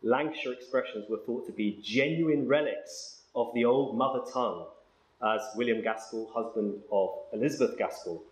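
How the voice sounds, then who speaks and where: A man giving an academic lecture, hesitating with ums and reading verse slowly and with care. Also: medium pitch, roomy sound, poor audio. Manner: slow, measured reading of verse, then brisk explanation with ums.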